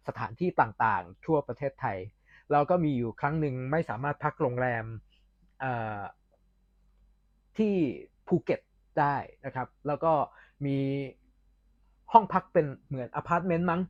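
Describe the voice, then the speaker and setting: A man's voice: on the high side, no echo. Chatty man reviewing a film, lo-fi. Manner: candid and opinionated, chatty with pauses. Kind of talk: casual movie review vlog. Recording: dull lo-fi dry sound.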